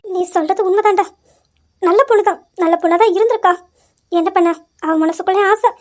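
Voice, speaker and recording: Give me a woman playing a loving, anxious middle-aged mother, very high-pitched and soothing. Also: a little fast. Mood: reassuring. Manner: soothing, pleading. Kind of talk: amateur audio drama acting.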